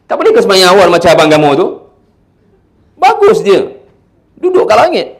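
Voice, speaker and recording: A man's voice: high-pitched, wildly swooping pitch, a little fast, pitched above the performer's own voice, full character voice. A man voicing a nagging parent who mockingly compares one child to another. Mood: sarcastic. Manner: sarcastic, mocking.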